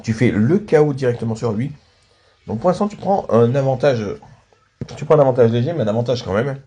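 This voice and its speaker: Expressive and brisk, with a warm medium-pitched voice, a man hosts video game matches and offers laid-back commentary. A cold has him slightly stuffed up, prompting regular coughing and throat clearing.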